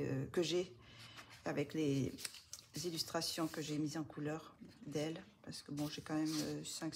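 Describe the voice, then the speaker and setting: A woman's voice: low-pitched, background noise. A woman chatting casually as she shows coloring books, often dropping to a near whisper and gushing over the pages. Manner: soft-spoken, often drops to a near whisper, many fillers. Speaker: coloring book vlogger. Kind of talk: casual show-and-tell chat.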